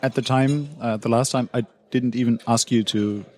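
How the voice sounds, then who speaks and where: A man hosting a podcast interview at a conference, asking questions in a halting way with fillers. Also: mid-range voice, steady tone, a little mellow. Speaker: podcast host. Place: conference venue.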